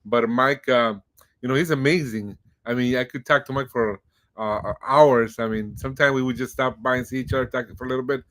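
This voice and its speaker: A man's voice: mid-range voice, fairly even intonation, fairly quick. A middle-aged man hosts a casual interview podcast. He rambles through his introductions with plenty of ums and restarts, circling back to repeat himself as he goes. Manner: warm-hearted, rambling, many fillers. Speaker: podcast host.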